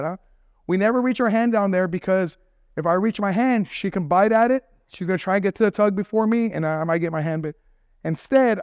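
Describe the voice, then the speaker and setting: A man's voice: high voice, clear, resonant tone, dry recording, highs cut off. A man, a dog trainer, explaining step by step how to teach a dog to bark on command, checking in with viewers as he works with his dog. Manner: upbeat coaching talk, often checks in with "right?" and "okay?"; praises and commands the dog mid-session. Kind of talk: instructional training video.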